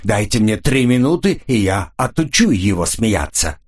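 A volatile, hot-headed gunman in an audiobook thriller, barking threats and shouting, as a male narrator reads him. The voice is husky and low, and it swings widely in pitch. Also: sing-song, moderate pace. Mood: furious. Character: volatile hot-headed Polish man with a pistol.

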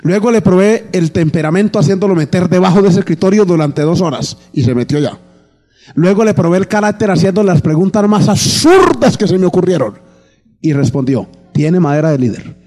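A man's voice: sits high, expressive, a little fast, a little mellow, long reverb tail, soft background music. A male pastor preaching a sermon, telling a story and acting out both sides of the dialogue.

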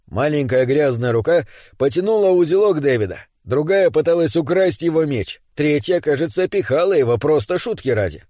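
A man narrating a storybook in an expressive, measured manner. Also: on the high side, no room sound, studio quality. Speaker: audiobook narrator.

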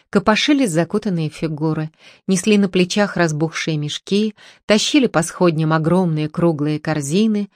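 A woman narrating an audiobook in a calm, steady literary reading. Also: fairly low pitch, no echo, clean studio sound.

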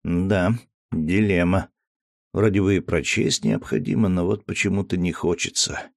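A man reading a first-person story aloud in steady, measured scripted narration. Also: deep voice, dry recording, clean studio sound. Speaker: audiobook narrator.

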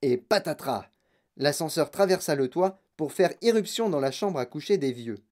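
A man narrating a children's audiobook in a calm, low storytelling tone. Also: moderate pace. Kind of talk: audiobook reading.

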